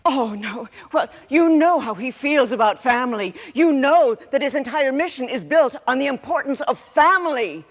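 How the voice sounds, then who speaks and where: A woman's voice: high-pitched, animated, moderate pace, few pauses, in a large hall. A woman playing a fretful, easily shocked mother who pleads and repeats herself in a stage play. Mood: bewildered. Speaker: actor.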